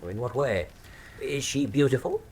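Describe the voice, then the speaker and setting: An actor playing an earnest, proper British gentleman doctor in a radio drama, polite and somewhat stuffy. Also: medium pitch, normal speed, a little hiss or hum, lightly acted. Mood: curious, earnest.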